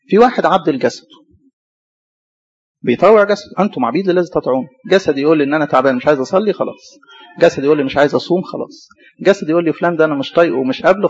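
Fast-talking husky Egyptian preacher. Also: male voice, a little high, lo-fi sound. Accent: Egyptian Arabic. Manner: rhetorical questions answered himself. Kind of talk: sermon.

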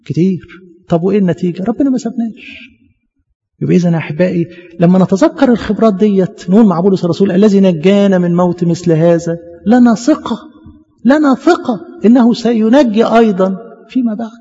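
A man's voice: high voice, fast talker, warm tone, husky. A man with an Egyptian Arabic accent preaching a sermon as a priest, impassioned and full of rhetorical questions. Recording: dull sound with long hall reverb.

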